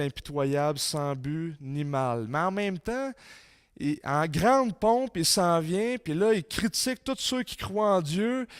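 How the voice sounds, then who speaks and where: A man with a Québécois French accent giving a sermon-style talk in a church, reading quotes with rising force and dropping low for emphasis. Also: no echo, studio quality. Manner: reads quotes aloud with rising intensity, drops low for emphasis. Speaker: conference speaker.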